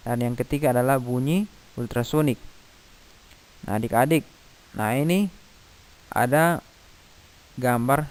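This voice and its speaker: A middle-aged male teacher with a mid-range voice patiently walks children through a physics lesson. He pauses along the way and sings note names to demonstrate.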